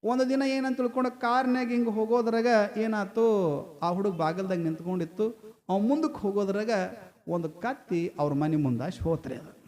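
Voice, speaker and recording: High-voiced North Karnataka village preacher. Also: male voice, moderate pace, darkish tone. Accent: North Karnataka Kannada. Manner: folksy, keeps asking the crowd for a response. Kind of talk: storytelling sermon to a village gathering.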